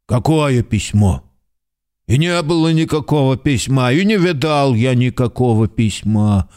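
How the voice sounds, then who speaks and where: Tipsy evasive servant, radio drama, male actor; mid-pitched, slow repetitive drawl. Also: animated, a little mellow, clean tone, close to an everyday voice. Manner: slow, droning drawl with repeated "he says". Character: stubborn, tipsy manservant, sly and evasive.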